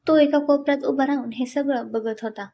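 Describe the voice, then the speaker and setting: A woman's voice: sits high, steady tone, fairly quick, warm tone, slight background noise. A woman narrating a romantic serial story, reading every character's lines herself with light voicing. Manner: reads all parts herself, dialogue lightly voiced.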